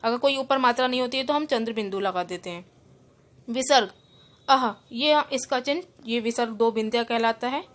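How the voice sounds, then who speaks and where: A woman from India gives an online Hindi class at a normal speed, her voice a little high and fairly bright. As a school teacher, she goes through each rule, then says it again more simply, blending in English terms.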